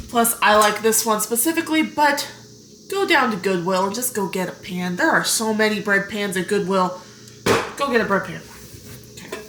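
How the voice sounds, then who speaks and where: A woman giving a relaxed, chatty cooking tutorial while shaping bread dough at home. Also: medium pitch. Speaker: home baker showing a recipe. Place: home kitchen. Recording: echoey kitchen with clear background noise.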